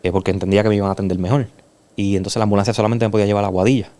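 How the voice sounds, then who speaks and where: A Puerto Rican man giving an earnest, emotional personal testimony as a guest in a conversation, dropping soft and slow at heavy moments. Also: lowish voice, level tone. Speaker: podcast guest.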